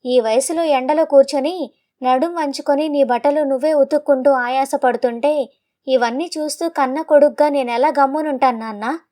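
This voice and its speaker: A woman's voice: high voice, fairly even intonation, normal speed, mellow, close to an everyday voice. A woman voicing a devoted grown elder son who pleads with a trembling voice. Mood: grieving.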